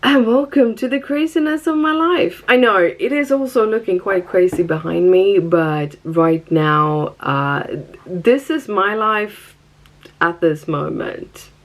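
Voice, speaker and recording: A woman from Stockholm, Sweden, speaks with a Swedish accent in a casual personal vlog. Her voice is medium in pitch and slow, and she chats easily with her viewers.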